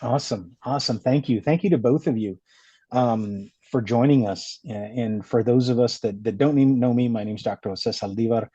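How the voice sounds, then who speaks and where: A man's voice: medium pitch, fairly quick, mellow, breathy edge, no room sound. A man hosting a webinar panel, moderating in a friendly way with frequent fillers. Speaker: webinar host, consultant. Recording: dull lo-fi webinar audio.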